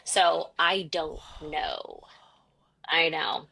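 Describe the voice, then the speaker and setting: A woman's voice: low-pitched, animated, very slow, gravelly, bright, forceful tone. A woman co-hosting a podcast in casual chat, talking from inside a closet at home and laughing often. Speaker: podcast co-host.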